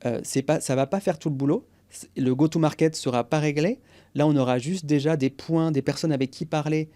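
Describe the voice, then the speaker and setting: A man's voice: a little high, brisk, dark tone. A man in his forties, a guest on a podcast interview, explaining go-to-market strategy with energy and English business jargon.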